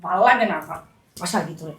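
A woman's voice: on the low side, fast, a bit bright, natural voice. An actress playing a tired young daughter complaining to her parents. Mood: weary.

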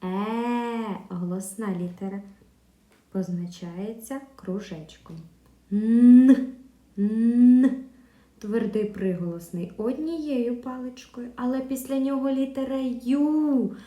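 A woman teaching a video lesson to young pupils, speaking clearly with pauses for answers and a sing-song teacher manner. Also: a little high, dark tone. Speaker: primary school teacher. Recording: echoey room.

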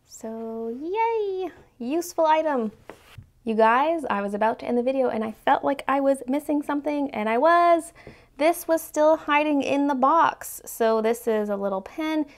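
An unboxing video host, a young adult woman, talks at a moderate pace in a high-pitched voice. She chats casually and exclaims over cute things while staying off camera at an indoor tabletop product shoot.

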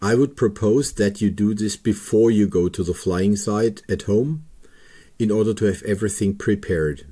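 Man slowly talking through a website. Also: lowish voice, warm tone, husky. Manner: slow, careful, step-by-step with pauses and fillers. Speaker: paragliding pilot explaining a registration website. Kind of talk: screen-recorded tutorial narration.

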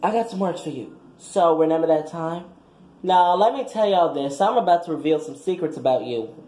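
A man's voice: fairly high pitch, expressive, moderate pace, mellow, natural voice. A man voicing a brash, foul-mouthed young woman graduate giving a crude, combative speech in a comic skit. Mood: sassy. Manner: crude, combative, trash-talking. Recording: echoey room.

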